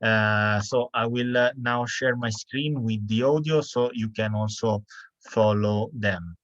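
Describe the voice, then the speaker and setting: A man hosting an online panel, speaking haltingly with many fillers and restarts. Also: lowish voice, fairly bright tone, no echo. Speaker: webinar host. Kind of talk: hesitant online panel moderation. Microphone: video call. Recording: dull lo-fi video call audio.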